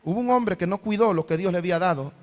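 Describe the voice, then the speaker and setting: A man's voice: high voice, quick pace. A man preaching a sermon as pastor, often calling his listeners brother and voicing their imagined questions. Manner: voices imagined questions from the congregation. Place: church hall. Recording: long hall reverb.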